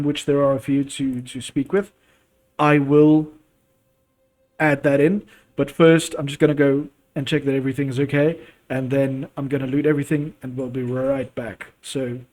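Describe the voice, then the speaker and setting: A man's voice: fairly high pitch, fairly even intonation, unhurried. A man hosting a let's play, talking in a chatty, casual way with fillers and laughs. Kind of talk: casual game commentary.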